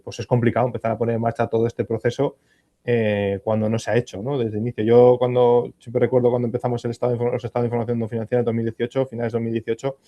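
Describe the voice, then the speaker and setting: A man's voice: medium pitch, mellow, no room sound. A man with a Spanish accent answering questions as an expert on a conference panel, thoughtful and hesitant, often restarting his sentences. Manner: thoughtful, many fillers and restarts. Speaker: panel expert on ESG reporting.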